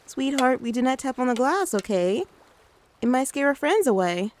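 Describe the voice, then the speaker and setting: Woman doing a doting mom, ASMR role-play, soothing and coaxing, high voice, dry close sound. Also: very animated, normal speed, a little mellow, no echo. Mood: tender. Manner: soothing, coaxing, talks to the listener as a child. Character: gentle doting mother taking her little one out. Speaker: ASMR creator.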